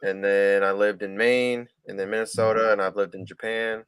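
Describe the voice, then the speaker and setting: Low-voiced man, dry close recording, casual rambling co-host with casual swearing. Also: flat delivery, moderate pace, fairly bright tone, smooth, no echo. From Charleston, South Carolina. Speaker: fantasy sports podcast co-host. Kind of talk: casual chat.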